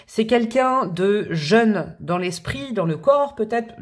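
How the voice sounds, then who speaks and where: A woman talks her viewers through a tarot reading in a loose, conversational way. She laughs often and fills her pauses with little sounds as she thinks aloud. Her voice sits at an ordinary middle pitch for a woman. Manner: chatty and expressive, laughing often, with many fillers. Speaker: tarot card reader.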